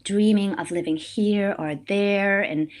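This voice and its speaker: A woman in her thirties from Austria, co-hosting a podcast and telling stories in a relaxed, playful way. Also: mid-range voice, unhurried. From Vienna, Austria. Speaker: podcast co-host, life coach. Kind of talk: casual podcast chat.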